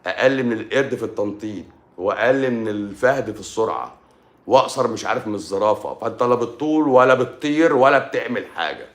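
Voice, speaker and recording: A man with an Egyptian Arabic accent giving an informal livestream talk on faith and philosophy, colloquial and repetitive, often calling the listener "pasha". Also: mid-range voice.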